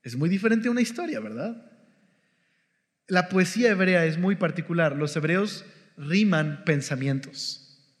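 A man's voice: high-pitched, lively intonation, unhurried, long pauses. A man giving a conversational devotional Bible teaching, often checking in with his listeners. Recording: long hall reverb.

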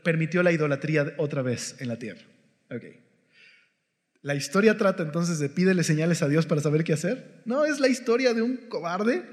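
Man teaching the Bible in a reverberant hall. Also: sits high. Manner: conversational, keeps checking in with the listener.

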